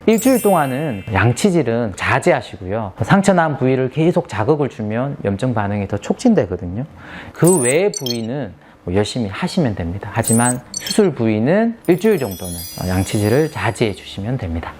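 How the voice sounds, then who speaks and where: A man's voice: mid-range voice, big pitch swings, fairly quick, hardly any pauses, darkish tone, soft background music. A man speaking as a dentist, explaining patient aftercare in an emphatic way and asking rhetorical questions.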